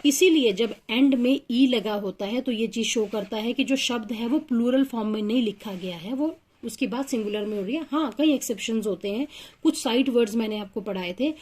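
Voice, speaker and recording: A woman teaching English phonics in a patient, step-by-step way, working through examples with pauses and fillers. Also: fairly high pitch, darkish tone. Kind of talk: phonics lesson explanation.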